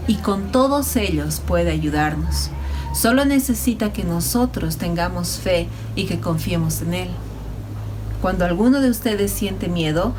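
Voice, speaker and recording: A woman leads a children's Bible lesson with lively, swooping intonation. There is faint noise under her voice. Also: medium pitch. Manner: warm, animated, addresses children. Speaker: Sunday school teacher.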